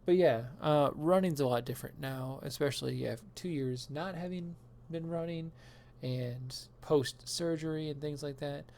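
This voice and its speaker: A woman's voice: sits low, gravelly, darkish tone. Rambling, laughing woman streamer. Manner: rambling and self-deprecating, laughs often. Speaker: live streamer. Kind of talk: casual chat while gaming.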